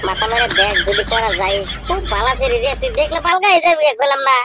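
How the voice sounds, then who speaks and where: Voicing a scheming, pushy village bachelor in a comic cartoon, a man uses a pitched-up voice and a rural regional Bengali accent, badgering and urging in colloquial speech. His intonation is lively and his pace fast, with a crowd audible in the background.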